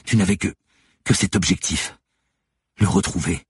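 A man's voice: low-pitched, fairly even intonation, normal speed, breathy edge, dry recording, clean studio sound, voice pushed up. A man voicing a relentless woman police detective who lays out her accusations steadily and methodically in an audiobook. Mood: accusing, cold. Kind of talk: audiobook character voice.

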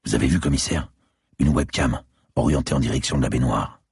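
A man's voice: rumbling low, a little fast, breathy edge, dry recording, studio quality, full character voice. A man reading the part of a crude, squeamish male police lieutenant who swears and sounds uneasy. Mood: matter-of-fact.

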